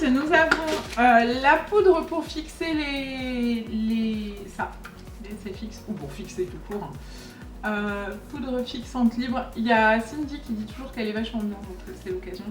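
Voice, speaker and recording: A woman's voice: a little high, far from the mic. Chatty young woman, echoey room. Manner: chatty, lively, talks to the products. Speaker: beauty vlogger. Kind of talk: casual unboxing chat. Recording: echoey room, voice a bit off-mic, faint music.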